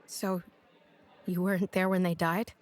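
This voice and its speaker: A woman's voice: lowish voice, level tone, a little slow, lightly acted. An actress playing a blunt, sarcastic young woman in an audio drama, talking dry, direct and teasing. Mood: earnest. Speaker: [name].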